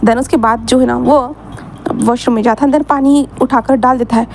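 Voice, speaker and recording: A woman's voice: fairly high pitch, steady tone, moderate pace, slight background noise. A woman narrating a fan-fiction story in a chatty, casual way, mixing in English words.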